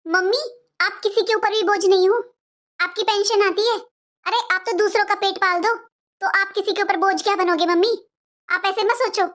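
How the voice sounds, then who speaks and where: A woman's voice: very high voice, fairly even intonation, normal speed, a bit bright. A woman playing an outspoken grown-up daughter who scolds and stands up for her mother in a family drama. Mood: scolding.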